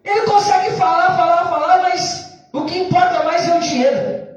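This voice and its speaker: A Brazilian pastor with a Brazilian Portuguese accent, preaching a fervent sermon and telling a story, often shouting and repeating phrases for emphasis. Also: male voice, very high-pitched, steady tone, moderate pace, muffled recording. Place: church hall. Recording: echoey church from far off.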